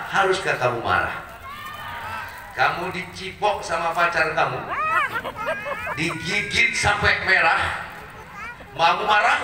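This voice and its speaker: Man, preacher, sermon, rhetorical questions, shouted peaks, very echoey distant hall recording. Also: noisy background. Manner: rhetorical questions, loud shouted peaks then low drops. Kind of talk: sermon to a congregation.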